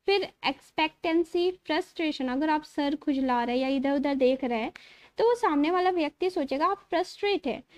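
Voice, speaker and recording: A woman teaching a computer lesson, explaining points plainly and reading out definitions slowly. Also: very high voice, a little mellow, no room sound. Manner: explains in Hindi, then reads English definitions slowly. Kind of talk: classroom tutorial lecture.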